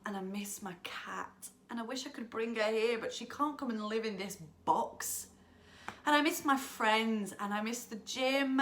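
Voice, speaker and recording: A woman's voice: fairly high pitch, a bit bright. An actress playing a chatty, self-absorbed young woman who has just left home, talking a theatrical monologue with dramatic swings. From England. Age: young adult. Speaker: actor in a monologue.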